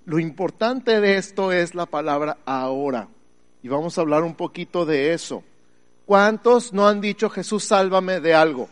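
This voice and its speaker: A middle-aged Mexican man preaching a lively sermon, quizzing his congregation and swinging between loud calls and quiet asides. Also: a little high, normal speed. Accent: Mexican Spanish. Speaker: pastor.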